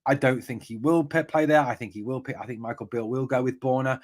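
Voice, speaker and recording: A man's voice: medium pitch, steady tone, fast, darkish tone. An English man in his forties from the northeast, hosting a live football podcast from home in a chatty, rambling way full of fillers and tangents. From northeast England. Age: 40s. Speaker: podcast host. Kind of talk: live-stream football chat. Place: room at home.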